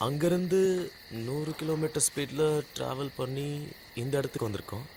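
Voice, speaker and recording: A man's voice: mid-range voice, a little fast, creaky, slight background noise, natural voice, rough recording. An actor playing a clever young man who explains step by step and teases his friends. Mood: explaining. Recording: film dub over loud music.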